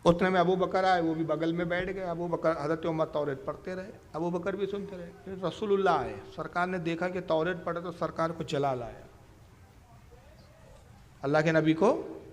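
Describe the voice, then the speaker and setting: A man's voice: on the high side, slight background noise. A man preaching a sermon in an emphatic, challenging way. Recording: echoey hall reverb.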